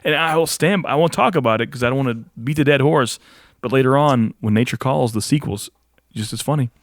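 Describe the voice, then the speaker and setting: Male podcast co-host, mid-pitched, animated and giggly, dry recording. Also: fairly quick, dry recording. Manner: laughs often, animated storytelling. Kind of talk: casual chat.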